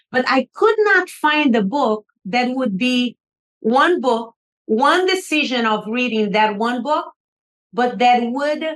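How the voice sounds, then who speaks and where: High-voiced Brazilian-accented woman author. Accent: Brazilian Portuguese. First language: Portuguese. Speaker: author and guest. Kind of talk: podcast interview.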